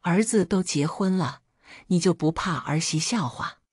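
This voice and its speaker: A woman voicing a selfish, sharp-tongued middle-aged wife who scolds and threatens. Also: on the low side, measured pace, husky, dry recording, studio quality. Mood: indignant. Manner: scornful, scolding.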